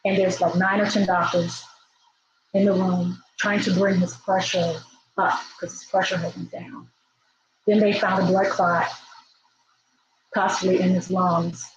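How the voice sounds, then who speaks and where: Woman, measured earnest testimony; dull, noisy room recording. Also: lowish voice, little pitch movement, roomy sound. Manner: measured, earnest retelling with repeated phrases. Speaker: widow sharing her loss. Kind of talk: personal testimony.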